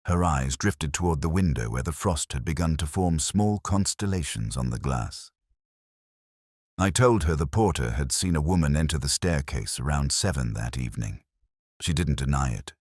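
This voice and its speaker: A man with an exceptionally deep voice tells a literary mystery in the first person. He sounds brooding and measured, though his pitch rises and falls with real liveliness. The recording is close and dry, with no room echo.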